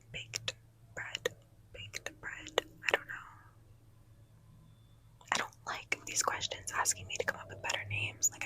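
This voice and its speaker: A woman's voice: pushed and bright, low-quality recording. A woman, a mother with young children, whispering through an ASMR question list in a chatty, rambling, easily flustered way from inside a parked car. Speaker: ASMR creator. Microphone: phone.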